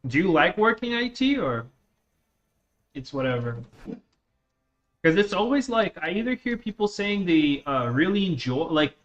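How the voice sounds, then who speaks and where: A man with a slight Russian accent chats casually in slang while streaming a game for viewers; he left Russia for the U.S. at eleven. His voice is a little high and a bit bright, recorded on a dull lo-fi mic that picks up faint noise.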